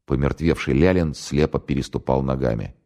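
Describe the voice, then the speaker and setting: Very deep-voiced male audiobook narrator. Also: mellow. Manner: measured, dramatic storytelling.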